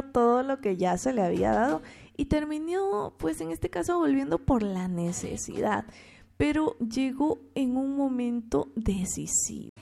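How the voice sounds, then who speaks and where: Woman radio host, gravelly edge, higher voice, faint music behind, questioning listeners, repeating for emphasis. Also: a little mellow. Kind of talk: morning radio reflection on faith.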